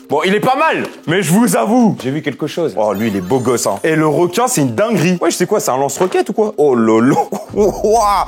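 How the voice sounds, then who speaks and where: A young man chatters excitedly to his viewers as he searches, full of slang. His pitch swings widely and sits a bit high. Faint music runs underneath. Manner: hyped, slangy, keeps addressing "les gars". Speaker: seeker in a hide-and-seek video. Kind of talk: excited casual commentary to viewers.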